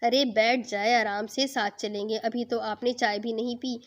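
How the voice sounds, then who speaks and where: A woman's voice: on the high side, fairly even intonation, close to an everyday voice. A woman doing a teasing young bride. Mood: playful teasing. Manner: chatty, playfully bossy. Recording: dull lo-fi.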